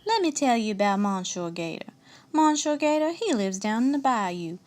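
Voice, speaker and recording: A woman reading a children's picture book aloud in a slow, playful, folksy way, asking her young listeners questions. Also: a little high, very animated, darkish tone, slight background noise. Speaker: storyteller.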